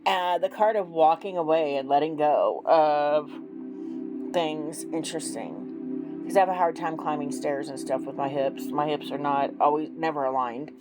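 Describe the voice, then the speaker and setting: Low-voiced woman in her forties, chatty. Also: steady tone, normal speed, poor audio. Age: 40s. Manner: chatty, self-deprecating, frequent ums and laughs. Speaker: tarot reader. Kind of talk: casual tarot reading vlog. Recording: music playing behind.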